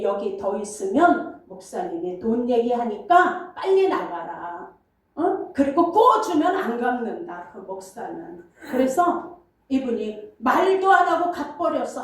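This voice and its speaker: High-voiced woman pastor in an echoey hall. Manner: animated, colloquial storytelling. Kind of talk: testimony sermon, storytelling. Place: church sanctuary. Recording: very echoey hall, distant mic.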